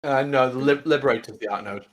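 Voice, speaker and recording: A man's voice: mid-range voice, fast, slight background noise. A man co-commentating a live tabletop game stream, chatting casually with the host. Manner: lively, animated, restarts. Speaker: guest co-commentator.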